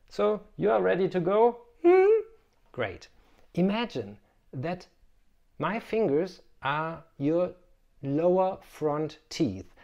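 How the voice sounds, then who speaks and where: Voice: mid-range voice, a little mellow. An articulation coach presenting an instructional video, speaking precisely with playful asides.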